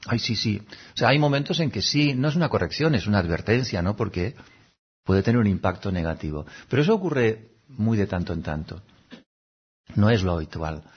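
A man giving a gentle, unhurried reflective talk, now and then slipping into little voices to act out examples. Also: lowish voice, expressive, breathy edge. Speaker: speaker giving a talk on habits. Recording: dull, lo-fi recording.

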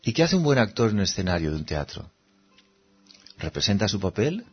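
Husky-voiced man from teaching meditation. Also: fairly low pitch, very animated, fairly quick, highs cut off, soft background music. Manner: conversational, asks rhetorical questions, acts out little scenes. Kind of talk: reflective spiritual talk.

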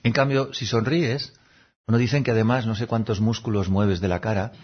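A man giving a gentle, unhurried reflective talk, now and then slipping into little voices to act out examples. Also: fairly low pitch, fairly even intonation, husky. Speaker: speaker giving a talk on habits. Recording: dull, lo-fi recording.

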